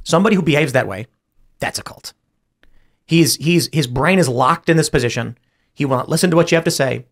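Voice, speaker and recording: A man with a gravelly, slightly high voice hosts a political talk show. He tells stories with energy and imitates other people by jumping up in pitch. His delivery is argumentative and conversational. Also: brisk. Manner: animated storytelling, mimics others in raised voices. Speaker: podcast host.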